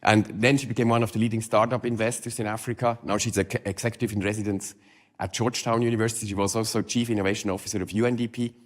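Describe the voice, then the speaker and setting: A man with a slightly low voice introduces a speaker at an academic event. His delivery is informal and halting, with the phrasing of a non-native speaker. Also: little pitch movement.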